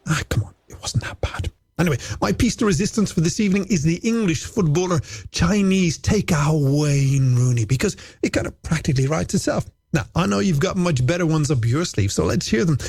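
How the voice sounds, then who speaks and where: A middle-aged man hosts a late-night music radio show, playful, theatrical and polished, speaking into a close studio broadcast microphone over a music bed. His voice is fairly high, a little mellow and husky.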